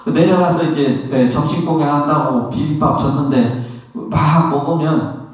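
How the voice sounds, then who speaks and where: Korean monk preaching in an echoey hall. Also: male voice, a little high, unhurried. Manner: lively, acts out everyday complaints, asks the audience questions. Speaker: Buddhist monk, temple abbot. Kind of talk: dharma talk to an audience. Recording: very echoey, from far off.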